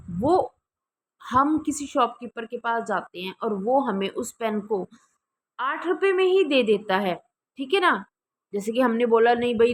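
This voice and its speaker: High-voiced Indian woman teaching accounts. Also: slight background noise. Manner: explains in Hindi, reads English definitions slowly, asks and answers her own questions. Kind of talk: classroom explanation over slides.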